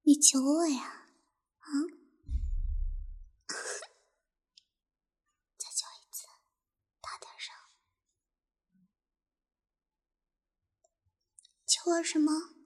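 Voicing a cruel tormentor in intimate audio roleplay, a young woman uses a high, exaggerated voice to tease and mock. She laughs softly between her taunts and often slips down into a whisper.

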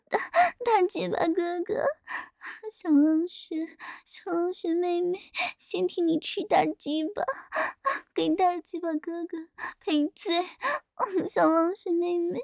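A woman voicing an adult woman character in an erotic audio story, breathy and tearful, pleading. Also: extremely high pitch, steady tone, very slow, long pauses, bright, forceful tone, no room sound, clean studio sound, heavily acted.

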